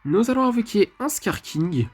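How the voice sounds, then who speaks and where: A man's voice: high-pitched, very animated, normal speed, faint music behind. A man giving casual commentary over his mobile game match, chatty and leaning on filler phrases. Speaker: mobile game channel host.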